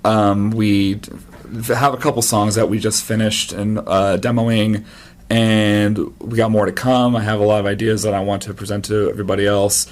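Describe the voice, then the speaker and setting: A man's voice: on the low side, level tone, normal speed. A man in a metal band answering interview questions in short, firm bursts. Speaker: band member. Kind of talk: casual interview chat.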